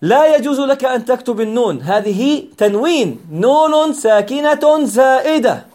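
High-voiced man teaching grammar. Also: expressive, moderate pace, a little mellow. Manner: patient, repeats key points, asks and answers his own questions. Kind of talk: explanatory grammar lesson.

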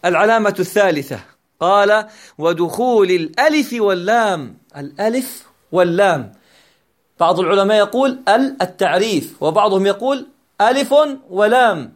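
A man's voice: sits high, expressive, moderate pace. A man teaching an Arabic grammar lesson, patiently repeating key points and asking and answering his own questions.

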